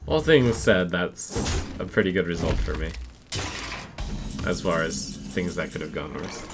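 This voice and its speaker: A man's voice: low voice, lively intonation, measured pace. A man giving casual, understated commentary on a video game, thinking aloud as he plays. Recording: loud game music behind voice. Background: video game music.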